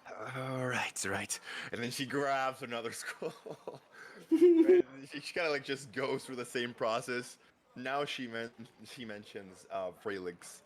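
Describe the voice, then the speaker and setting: Slow, rambling game master man. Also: medium pitch, very animated. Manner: rambling, hesitant, many fillers. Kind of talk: narrating a tabletop game.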